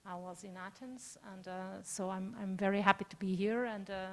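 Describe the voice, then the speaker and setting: A woman's voice: mid-range voice, fairly even intonation, normal speed. A middle-aged woman who has worked as a teacher for decades, giving the opening input at an online panel in an earnest way and repeating words as she talks. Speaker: input speaker, education director.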